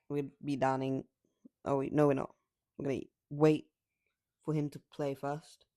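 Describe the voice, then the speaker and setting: His voice is on the high side and mellow, a bit raspy because he's filming late at night. The man rambles casually over mobile gameplay, cocky and trash-talking throughout.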